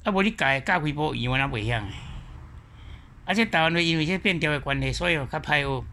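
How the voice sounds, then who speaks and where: A man with a Taiwanese accent giving an explanatory lecture, slowly repeating example words one at a time. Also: on the high side, expressive, pushed and bright. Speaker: teacher.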